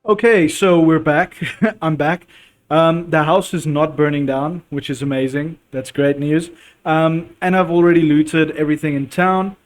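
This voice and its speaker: A man's voice: on the high side, steady tone, a little slow. A man hosting a let's play, talking in a chatty, casual way with fillers and laughs. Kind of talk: casual game commentary.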